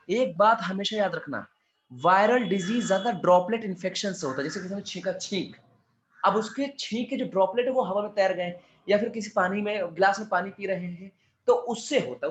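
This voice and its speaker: A man's voice: high voice, a bit bright, roomy sound, slight background noise. A male biology teacher giving a chatty exam-prep lecture with words, asking his students' questions in his own voice.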